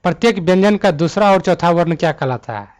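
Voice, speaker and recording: A man teaching a Hindi grammar exam-prep lesson, talking students through multiple-choice answers and slowing down to list letters one by one. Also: sits high, expressive. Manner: slows to spell out letter lists one by one.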